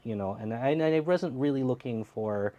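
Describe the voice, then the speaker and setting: A man's voice: mid-range voice, moderate pace, mellow, highs cut off. A man in his thirties from the United States, speaking in an earnest, reflective way as a guest in an interview. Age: 30s. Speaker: theater co-producer, guest. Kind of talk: interview conversation.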